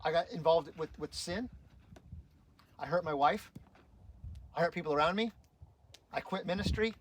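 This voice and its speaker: A man's voice: on the high side, moderate pace, slightly rough, low-quality recording. A middle-aged man telling his life story to an audience, earnest and emotional, often restarting and repeating words. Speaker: speaker sharing his testimony. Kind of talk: personal testimony talk to an audience.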